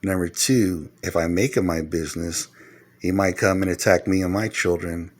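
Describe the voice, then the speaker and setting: Middle-aged guy, kinda low voice, preaching life advice at the camera, counts off points, gets worked up. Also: moderate pace. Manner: earnest, lecturing, numbers his points; grows loud and heated when retelling arguments. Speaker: vlogger giving life advice. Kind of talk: casual monologue to camera.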